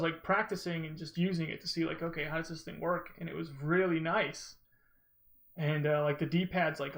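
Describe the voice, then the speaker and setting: Male speedrun commentator, informal and rambling, forceful bright tone with vocal fry. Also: a little high. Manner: rambling, informal, self-interrupting storytelling. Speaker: gamer, speedrunner commentating own run. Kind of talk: casual gameplay commentary.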